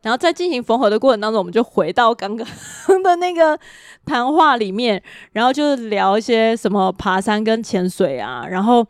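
A woman, co-hosting a podcast and telling a story in lively, chatty detail. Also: fairly high pitch, clean tone, no room sound, studio quality. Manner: chatty storytelling, quick and animated. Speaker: podcast co-host. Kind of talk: casual chat.

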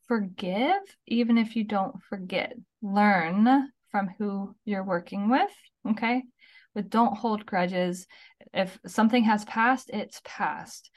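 A woman in her thirties co-hosting a talk podcast, giving casual advice in a chatty way, often checking in with "okay?" and "right?". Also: medium pitch. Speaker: podcast co-host.

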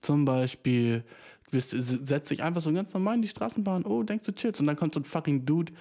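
A man's voice: a little high, a little fast, mellow. A young man hosting a podcast in a casual, rambling monologue, swearing often and dropping English slang into his speech. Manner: rambling, profane, slangy, mixes in English words. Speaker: podcast host.

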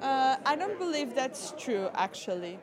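Young woman, from Portugal, halting, high voice, busy crowd behind. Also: very animated. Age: young adult. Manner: halting, searching for words. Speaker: scout, interviewee. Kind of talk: interview answers.

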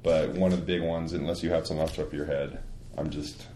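A man's voice: rumbling low, flat delivery, quick pace, crowd noise. A man co-hosting a podcast in casual, joking chat that rambles and trails off mid-sentence. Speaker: podcast co-host. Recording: echoey room with faint noise.

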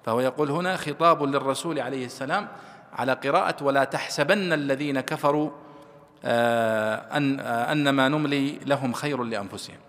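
A man, a scholar explaining a classical commentary to students and stretching out the verses he quotes. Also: medium pitch. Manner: measured, stretches quoted verses slowly and loudly. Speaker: Islamic scholar teaching tafsir. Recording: long reverb of a hall.

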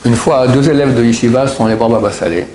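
Halting middle-aged male storyteller. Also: mid-range voice, darkish tone, a little hiss or hum. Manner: halting, repeats and restarts words. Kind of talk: casual retelling of religious miracle stories.

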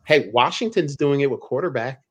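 A man's voice: medium pitch, animated, a little fast. A man hosting a casual fantasy football podcast, laid-back and joking, often chuckling as he talks. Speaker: podcast host.

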